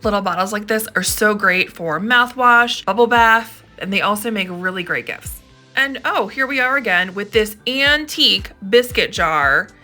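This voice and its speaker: A woman's voice: medium pitch, expressive, normal speed, pushed and bright, faint music behind. A woman host narrating a casual thrifting vlog, gushing with enthusiasm over each find.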